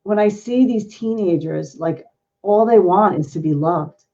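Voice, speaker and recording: A woman's voice: mid-range voice, a little slow, mellow, muffled recording. A middle-aged woman hosting an interview, effusive and emotional, with many exclamations. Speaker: host. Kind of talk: casual interview chat.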